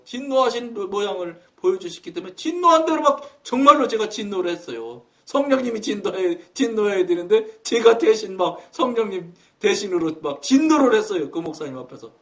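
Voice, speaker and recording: A man giving a testimony sermon, telling a story with lively, acted-out quotes. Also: sits high, a little fast, distant mic.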